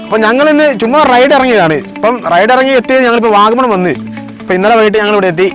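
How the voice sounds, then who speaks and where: A man with a Malayali accent talking casually to a vlog in a halting way, repeating words, with some English mixed into Malayalam. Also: extremely high pitch, music in the background. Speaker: vlog presenter.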